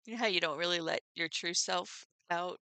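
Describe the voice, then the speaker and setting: A woman's voice: fairly low pitch, normal speed, gravelly, bright, forceful tone, smooth, no room sound. A middle-aged woman hosting her own livestream, chatting casually with viewers and laughing often. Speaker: livestream host. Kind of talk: casual chat with live viewers.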